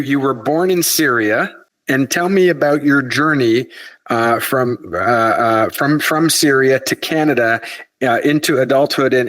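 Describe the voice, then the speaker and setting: A man's voice: medium pitch, fairly bright tone. A male podcast host with a middle-range voice feels his way through long questions, often stopping to repeat words. The sound is dry and close, with no room echo. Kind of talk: interview conversation.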